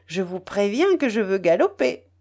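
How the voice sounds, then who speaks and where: A woman's voice: mid-range voice, sing-song, moderate pace, dark tone. A woman voicing a jealous young male officer in an audiobook, speaking brusquely and sulkily. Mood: gruff. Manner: brusque and sulky. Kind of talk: audiobook character voice.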